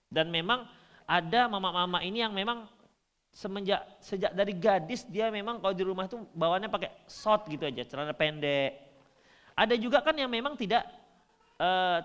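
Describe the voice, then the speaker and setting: A man from North Sumatra, Indonesia, preaching a humorous sermon, shifting between loud and soft. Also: high-pitched, big-room sound. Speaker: Islamic preacher.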